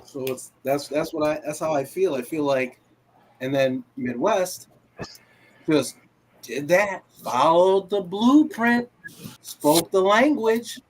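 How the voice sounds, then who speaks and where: A man whose first language is Creole, telling a personal story in casual live talk-show chat, animated and emphatic, often repeating himself. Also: fairly high pitch, slow pace. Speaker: co-host.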